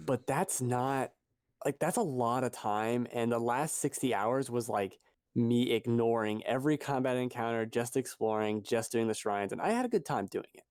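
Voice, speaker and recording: A man's voice: mid-range voice, moderate pace, a little mellow, no echo, studio quality. A man co-hosting a podcast in casual chat, rambling and correcting himself as he goes. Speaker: podcast co-host.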